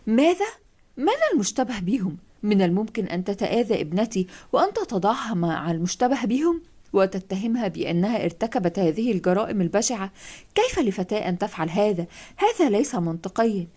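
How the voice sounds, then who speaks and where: A woman's voice: fairly high pitch, big pitch swings, fairly quick, warm tone. A woman voicing an anxious middle-aged mother who protests shrilly in a storybook reading. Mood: agitated.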